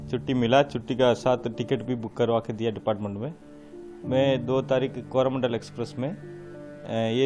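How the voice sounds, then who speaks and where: Brief: man giving testimony, mid-pitched, halting and repetitive, music loud underneath. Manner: halting, repeats himself while recounting. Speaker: rescue worker interviewee. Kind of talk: testimony to a reporter.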